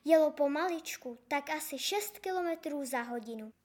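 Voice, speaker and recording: A woman narrating a fairy tale in an expressive storytelling style. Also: high voice.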